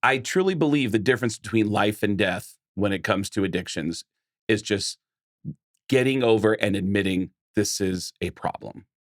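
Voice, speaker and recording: A man's voice: lowish voice, normal speed, no echo, studio quality. Earnest male co-host. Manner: earnest, reflective. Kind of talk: casual chat.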